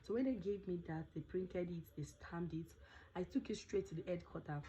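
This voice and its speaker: Her fairly low, mellow voice moves at a normal speed, and the audio is poor, with a little hiss or hum. She's a young adult Nigerian woman casually vlogging and storytelling, mixing in pidgin phrases, her voice not yet fully recovered.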